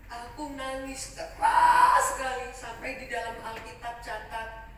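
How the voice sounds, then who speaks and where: A woman acting out a Bible story in the first person for children, expressive and shifting between loud and soft. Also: fairly high pitch, unhurried, a little hiss or hum. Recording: echoey room from far off.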